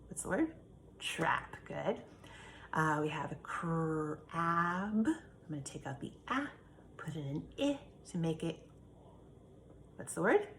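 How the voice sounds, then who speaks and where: A woman's voice: sits low, slight background noise. A woman teacher giving a remote phonics lesson, patiently asking questions and answering them herself. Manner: patient, asks and answers her own questions.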